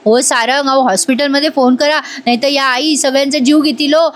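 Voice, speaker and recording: A scornful young daughter-in-law with a sharp, taunting tongue, as a woman narrator plays her. Her high voice scolds and mocks. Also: fairly even intonation, fairly quick, natural voice.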